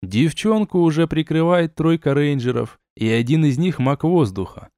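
A man narrating a fantasy audiobook in the first person, with a wry, conversational delivery that jumps up in pitch at points. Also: lively intonation, moderate pace, mellow, dry recording, clean studio sound.

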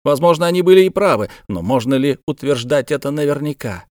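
A man voicing a weary, idealistic guard in an audiobook, speaking in an earnest, measured way. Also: on the high side, expressive, a little mellow, dry recording, studio quality, natural voice.

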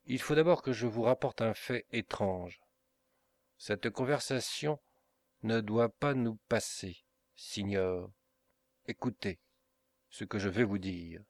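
A man voicing a brooding, proud middle-aged Italian nobleman, speaking in a grave, measured way for an audiobook. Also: fairly low pitch, darkish tone, no echo. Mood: uneasy.

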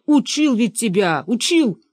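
Reader playing gruff hoarse father-in-law, audiobook, barked orders, dry close mic. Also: medium pitch, steady tone, normal speed, dry recording, voice pushed up, close to an everyday voice. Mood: bossy. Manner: hoarse, bossy shouting. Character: gruff older father-in-law, bossy hunter. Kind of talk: audiobook narration.

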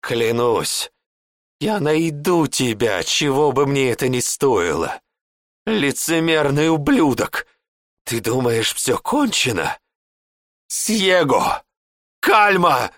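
A man voicing an enraged male warlock who screams curses in a high strained voice. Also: big pitch swings, slow pace, fairly bright tone, no room sound, studio quality. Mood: furious. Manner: screaming curses, shrill with rage.

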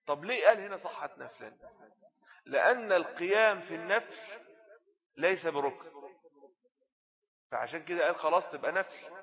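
A man's voice: on the high side, lo-fi sound. Egyptian man teaching a jurisprudence lesson. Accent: Egyptian Arabic. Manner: explains text in colloquial asides, often asks rhetorical questions. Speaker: religious teacher.

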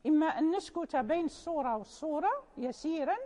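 High-voiced woman teaching in a hall. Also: fast talker, mellow. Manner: explains patiently, quotes verses and poems in a chanting lilt. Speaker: Quran recitation teacher. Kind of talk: informal classroom lecture.

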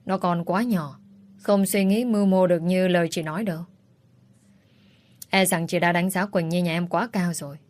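A woman's voice: lowish voice, fairly even intonation, normal speed, pauses often, lightly acted. A woman doing a tender, protective middle-aged mother. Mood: defiant. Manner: pleading, emotional, soft-spoken.

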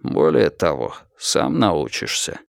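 Man doing a low, calm corporal. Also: gravelly, dry recording, studio quality, exaggerated voice. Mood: calm menace. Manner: low, quiet and unhurried. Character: calm, powerful male corporal, mysterious soldier.

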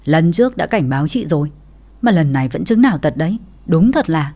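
A woman voicing a blunt, sharp-tongued young sister-in-law in a read-aloud story. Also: low-pitched, expressive, fairly quick. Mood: mocking.

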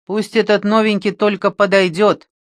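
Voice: medium pitch, little pitch movement, normal speed, no room sound, studio quality, lightly acted. A reader doing a boastful old bull. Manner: boastful, threatening.

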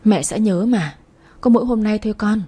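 A woman voicing a gentle, placating old grandmother in a spoken story. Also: medium pitch, moderate pace, husky, natural voice. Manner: soft, soothing, placating.

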